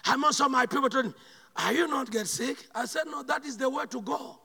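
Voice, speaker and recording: Man, Ugandan accent, preacher, sermon, very bright tone, long reverb hall. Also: extremely high pitch, gravelly, breathy edge. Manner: swings between loud shouted bursts and quiet slow asides.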